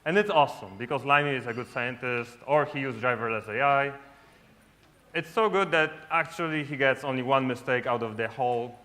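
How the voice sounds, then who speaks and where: A Polish man, whose first language is Polish, gives a casual conference talk on a large lit stage, often ending sentences with "right?". His mid-range voice is brisk with a sharp tone.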